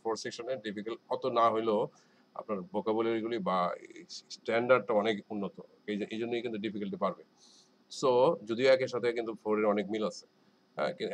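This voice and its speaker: A man's voice: lowish voice, slight background noise, low-quality recording. A man teaching an exam listening lesson in a casual, rambling way, full of hesitations and repeated filler words. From Bangladesh. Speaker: IELTS teacher.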